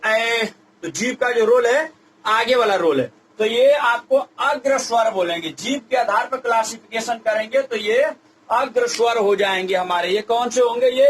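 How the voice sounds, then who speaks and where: A man's voice: extremely high pitch, a bit bright, slight background noise, poor audio. A man teaching Hindi grammar in a lecture, explaining step by step and stretching out vowel sounds as examples. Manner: drawn-out demonstrative vowel sounds, repetitive explaining. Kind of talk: classroom lecture at a board.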